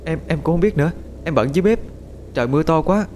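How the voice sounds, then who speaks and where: A man voicing a hardworking, kind aunt in a spoken story, talking quick and higher-pitched. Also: animated, warm tone, slight background noise, natural voice. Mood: worried.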